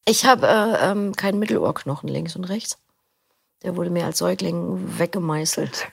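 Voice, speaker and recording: A middle-aged woman, an interview guest who also narrates audiobooks, answers questions thoughtfully and at length, frequently starting her sentences over. Her voice is on the low side and husky, with vocal fry and a moderate pace, captured at studio quality with no echo.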